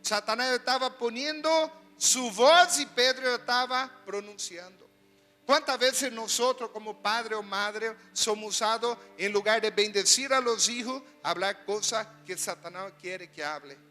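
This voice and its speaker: A man preaching a sermon as pastor, animated and full of rhetorical questions, in a church hall. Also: extremely high pitch, unhurried. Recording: reverberant hall with soft music.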